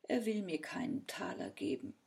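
A woman voicing a poor, simple-minded fairy-tale man who shouts in a high, eager voice. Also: wildly swooping pitch, normal speed, creaky, in a whisper. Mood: sad.

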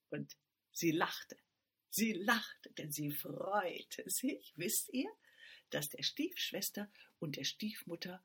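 Slow-talking woman telling a fairy tale. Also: on the low side, husky. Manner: addresses listeners directly, lively and expressive. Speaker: storyteller. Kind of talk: fairy tale told aloud to children.

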